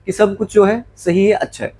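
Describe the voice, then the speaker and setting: A man with a fairly high voice teaches English vocabulary in a classroom lecture. He switches between Hindi and English and keeps asking his students questions that he answers himself. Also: steady tone, moderate pace, dark tone, poor audio. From Jammu, India.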